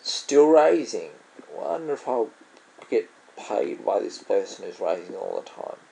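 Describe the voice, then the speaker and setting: A vlogger with an Australian accent casually comments on his own online poker game, musing aloud and often trailing off to correct himself. His voice sits on the low side with vocal fry, and the background is noisy.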